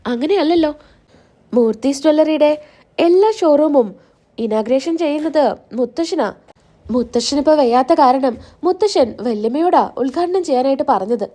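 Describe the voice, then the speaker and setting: A woman's voice: high-pitched, lively intonation, moderate pace, warm tone. A woman voicing a jealous, scheming young woman who mocks her rival and complains about her place in the family. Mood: self-pitying. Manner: mocking, complaining.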